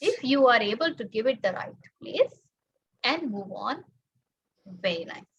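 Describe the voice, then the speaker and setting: A woman with an Indian accent, a spiritual teacher, gives a reflective talk that blends Hindi and English, stretching out her English phrases. Her voice is a little high with lively intonation and a breathy edge, and she speaks very slowly. The audio is dull and lo-fi.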